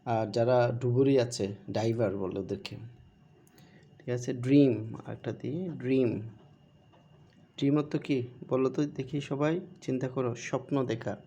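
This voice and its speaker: Slow, mellow-voiced man teaching. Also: mid-range voice, steady tone, dull audio. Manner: slow, drills pronunciation by repeating verb forms. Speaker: English teacher. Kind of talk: online grammar lesson.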